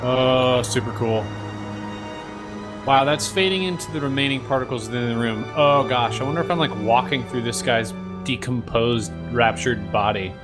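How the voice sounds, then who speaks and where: A man's voice: medium pitch, normal speed, music in the background. A man giving offhand, casual let's play commentary, musing to himself as he plays. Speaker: gaming video host.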